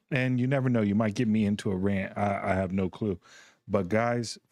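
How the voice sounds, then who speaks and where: Tired, rambling man, low voice. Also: normal speed, creaky, a little mellow, no room sound. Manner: rambling, easygoing, chuckling between thoughts. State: tired, yawning. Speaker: gaming streamer host. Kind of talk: casual chat to a live stream audience. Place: home gaming room with a green screen.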